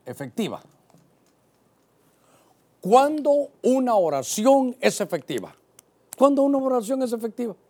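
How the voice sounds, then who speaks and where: A man's voice: high voice, warm tone. A man in his sixties, a pastor preaching a sermon with passion who keeps calling his listeners brother.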